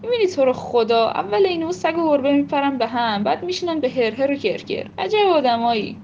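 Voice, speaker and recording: A woman's voice: sits high, animated, a little mellow, muffled recording, slight background noise. Woman reading a blunt grumpy dealer guy, stays close to her own voice. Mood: grumbling. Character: gruff grown man, a stingy neighborhood dealer.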